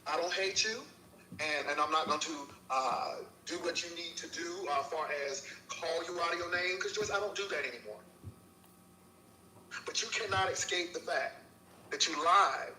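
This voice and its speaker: In a clip, a YouTuber delivers a heated, preachy monologue to a female rival, scolding her and repeating her name. His fairly high voice is pushed and bright. He is far from the mic in an echoey room, with faint hiss.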